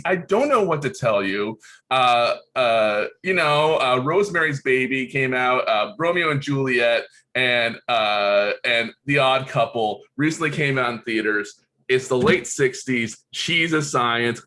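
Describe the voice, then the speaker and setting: A man's voice: medium pitch, animated, unhurried, bright, forceful tone. A man playing a rambling dad who keeps insisting it is the late sixties, in an improv comedy scene, full of ums and uhs. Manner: rambling, full of fillers, giggly.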